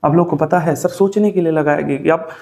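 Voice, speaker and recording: Guy teaching english grammar, kinda high voice, keeps asking if you get it and says write it down. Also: fairly quick, gravelly, a little mellow. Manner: repetitive, coaxing, addresses viewers as brother and sir; dictates notes, tells viewers to write things down. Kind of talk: classroom-style grammar lesson.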